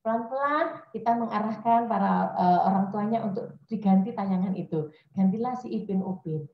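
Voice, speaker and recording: Woman, mid pitch, chatty parenting speaker who acts out quotes; echoey, muffled webinar audio. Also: normal speed. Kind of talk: informal parenting talk to mothers. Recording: echoey room, dull lo-fi audio.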